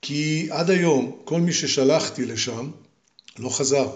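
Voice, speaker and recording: A man voicing a worried innkeeper gravely warning a guest in a storybook tale. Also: a little high, echoey room, close to an everyday voice. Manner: warns in grave tones.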